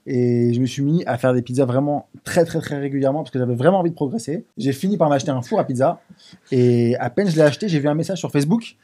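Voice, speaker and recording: A man, a pizza business founder, talking as a guest in a studio interview, lively and quick with repeated starts. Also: mid-range voice.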